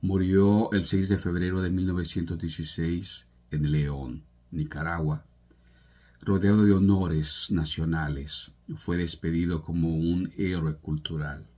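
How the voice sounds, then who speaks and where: A man from El Salvador talks through literature in a very low, husky voice. He is earnest and informal, stumbling and restarting now and then. His voice lifts with emphasis on key words. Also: mellow. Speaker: literature presenter.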